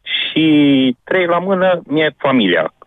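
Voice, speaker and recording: A man's voice: a little high, big pitch swings, no echo. A man calling in to a radio show, talking insistently and repeating himself. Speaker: caller. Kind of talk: phone-in call. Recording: tinny phone line.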